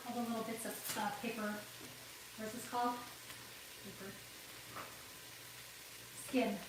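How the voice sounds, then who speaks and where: This cooking livestream host rambles casually as she cooks, laughing often and sniffling from a runny nose. Her somewhat high voice moves little in pitch and runs a bit slow. The mic sits far away in a very echoey home kitchen with clear background noise.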